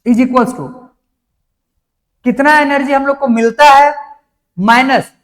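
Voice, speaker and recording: Male teacher, very high voice, explains step by step and keeps checking the class follows. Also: slow pace, fairly bright tone. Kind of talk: classroom lecture.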